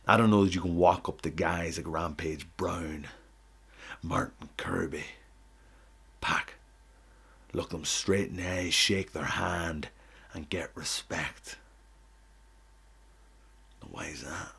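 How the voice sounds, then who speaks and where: A man cutting a boastful, goading wrestling promo, swinging from loud to hushed. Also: deep voice, slow pace, gravelly, pauses often, slightly rough. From not from the UK.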